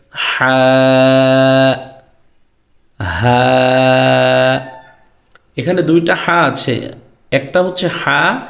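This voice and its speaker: A man with a somewhat high voice and vocal fry teaches his students how to pronounce the letters of the Quran. Between explanations addressed straight to them, he stretches out each letter name in a chant, and the room is echoey.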